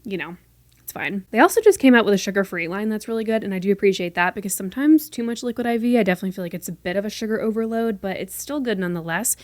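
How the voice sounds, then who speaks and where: A woman with a medium-pitched, darkish voice and no room sound hosts a casual solo podcast from her room. In her twenties and from North Carolina, she talks fast, playfully and chattily, her neutral-leaning American accent slipping into a light Southern lilt here and there.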